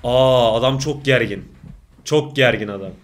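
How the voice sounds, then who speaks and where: A man's voice: medium pitch, unhurried. A man commentating casually on a video he is watching, jumpy and exclaiming at the screen. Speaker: YouTuber reacting to a video.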